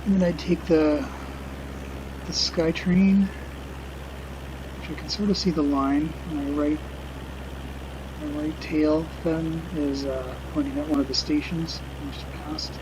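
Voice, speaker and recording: A middle-aged streamer flies a flight simulator while giving casual, unscripted commentary, hesitantly musing and unhurriedly reminiscing. His voice is on the high side with fairly even intonation, over background noise.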